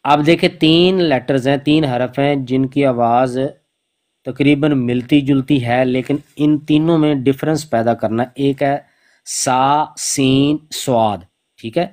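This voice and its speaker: A man teaching Quran recitation over an online call, speaking slowly and patiently and repeating each letter sound to demonstrate it. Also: medium pitch, steady tone, a little mellow. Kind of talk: online pronunciation lesson.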